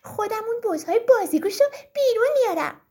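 A woman doing a shrill, cocky little storybook bee. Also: lively intonation, dark tone. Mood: confident. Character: boastful buzzing little bee.

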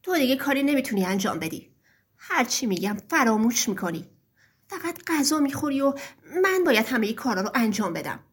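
A woman voicing a harsh, grumbling young farmer son in a storybook tale, speaking curtly with a breathy voice. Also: on the high side, animated. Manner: scolding, curt.

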